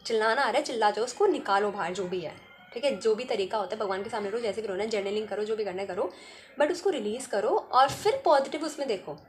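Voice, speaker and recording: A woman's voice: medium pitch, expressive, fast talker, a little hiss or hum. A woman giving casual spiritual self-help advice, chatty and often checking in with "ठीक है?". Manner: chatty, keeps adding "ठीक है?". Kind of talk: casual advice talk to camera.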